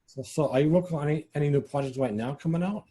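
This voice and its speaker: A woman hosting a podcast, with an extremely low pitch and a dark, mellow tone. She asks her questions quickly and haltingly, padding them with fillers. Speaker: podcast host. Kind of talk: casual interview questions.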